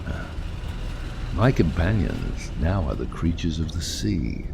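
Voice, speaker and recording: A world-weary, defiant submarine captain in a radio drama. His voice is very low and gravelly, swinging widely in pitch as he speaks slowly and grandly. A heavy rumble runs behind him. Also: sing-song, exaggerated voice. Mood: bitter, brooding. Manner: grandiose, deliberate, theatrical delivery. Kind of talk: dramatic audio drama acting.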